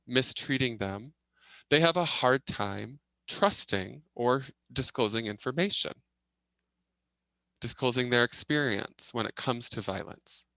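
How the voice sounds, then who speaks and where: A man voices a signed presentation as a simultaneous interpreter. His voice is bright and forceful at a medium pitch, and his phrasing comes in short, halting bursts. The sound is close and dry. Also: no room sound, low-quality recording. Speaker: sign language interpreter voicing a deaf presenter.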